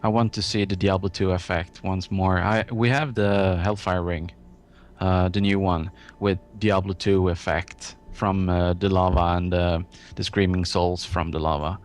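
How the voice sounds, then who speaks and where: Deep-voiced male podcast guest. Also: little pitch movement. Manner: eager, halting, frequent uhs and self-corrections. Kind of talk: casual gaming podcast chat.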